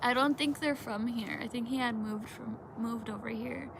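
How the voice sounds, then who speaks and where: A woman's voice: on the high side, fairly even intonation, normal speed, vocal fry, background noise. A woman rambling in casual chat with a giggly stoner drawl, often losing her thread. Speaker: vlogger.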